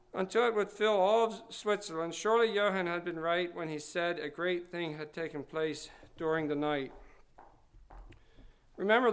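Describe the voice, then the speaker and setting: A man reading a story aloud to a congregation in a measured, earnest way. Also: high-pitched, clean tone.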